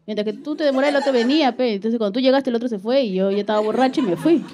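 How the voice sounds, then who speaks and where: Peruvian woman, co-host, argumentative and teasing, bright high voice. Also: very fast, a crowd in the background. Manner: teasing, argumentative, swears freely. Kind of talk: casual comedic banter.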